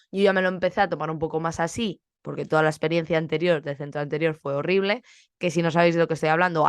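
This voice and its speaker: A woman's voice: sits low, clear, resonant tone, no echo, clean studio sound. A young woman teacher from Spain, with a Spanish accent, chatting casually on her podcast and acting out bits of classroom dialogue.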